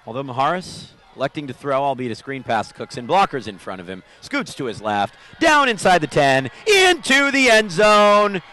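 A man calling a football game play by play, rising into excited calls on big plays. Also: a little high, normal speed, few pauses. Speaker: play-by-play announcer. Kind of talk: live football commentary.

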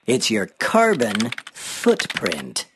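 A man's voice: fairly low pitch, huge pitch swings, very slow, music in the background, full character voice. A man voicing a menacing, taunting carbon dioxide cloud, a gloating cartoon villain. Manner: gloating, threatening. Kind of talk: cartoon character acting.

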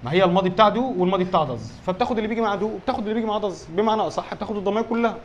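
A man's voice: sits high, animated, rapid-fire, highs cut off, slight background noise. A man with an Egyptian Arabic accent teaching an exam review lesson, asking questions and answering them himself and often checking that his students follow. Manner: quizzes himself aloud, keeps checking with "alright?". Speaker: English teacher.

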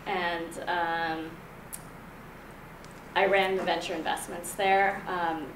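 A woman's voice: lowish voice, level tone, slow pace. Woman presenting in an echoey room. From Kenya. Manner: conversational, many ums and restarts. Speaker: venture investor giving a talk. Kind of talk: conference presentation. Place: meeting room in front of a projector screen. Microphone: room mic from a distant camera. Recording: echoey room, far from the mic, audible room noise.

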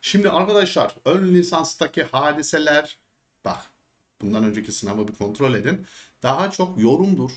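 A man teaching history for an exam, ranting and joking in an animated, casual way, sometimes slipping into a Çorum dialect. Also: normal speed. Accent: Turkish, Çorum dialect slips. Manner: animated, joking, rants and jumps high when worked up. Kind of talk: exam prep lesson with casual rants.

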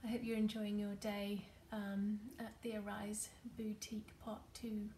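A woman leading a gentle guided meditation while folding paper, talking softly with many fillers and often dropping to a near whisper. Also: mid-range voice, monotone, measured pace, slight background noise. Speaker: meditation leader. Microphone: computer or phone camera.

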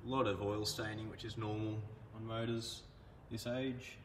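A young mechanic casually talks through his engine work, plain-spoken and relaxed, letting phrases trail off at a moderate pace in a lowish voice. A camera records him from across a large indoor workshop, which is echoey with clear background noise.

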